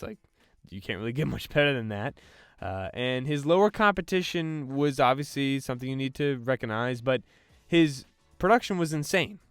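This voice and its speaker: A man's voice: mid-range voice, no room sound. A man hosting a sports podcast, breaking down draft prospects in a loose, casual way with lots of fillers and restarts. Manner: loose, filler-heavy delivery with frequent restarts.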